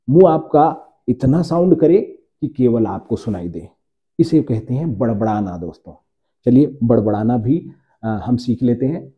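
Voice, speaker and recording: A man teaching English grammar to his viewers, slowing down to repeat each example sentence. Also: mid-range voice, phone-quality sound. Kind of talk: Hindi-language grammar lesson.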